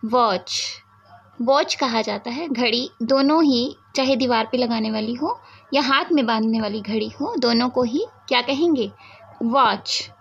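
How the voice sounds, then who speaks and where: Lady teacher going through the abc really slow, stretches out every word, keeps asking the kids questions. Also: a little high, creaky, husky, muffled recording. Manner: asks questions and prompts listeners to answer; drawn-out, deliberate word-by-word speech. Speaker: English teacher. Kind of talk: slow alphabet lesson for children.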